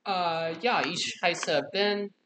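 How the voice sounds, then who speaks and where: Hesitant nineteen-year-old from Alabama. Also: male voice, high-pitched, bright, forceful tone, echoey room, slight background noise. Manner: hesitant, halting, many fillers. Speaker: podcast guest. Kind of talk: casual interview answers.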